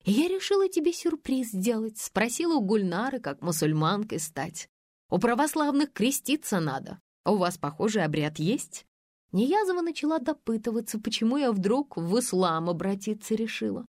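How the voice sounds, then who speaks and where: A woman reading an audiobook, voicing a brash, spiteful, scheming woman with a shrill, mocking manner. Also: sing-song, moderate pace, a little mellow, dry recording, studio quality. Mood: bitter confession. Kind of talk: audiobook character voice.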